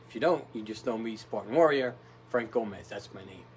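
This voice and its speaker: A man's voice: lowish voice, fairly quick, slight background noise, rough recording. A man giving a casual motivational talk, rambling and tough-talking, often checking in with "right?". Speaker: motivational speaker.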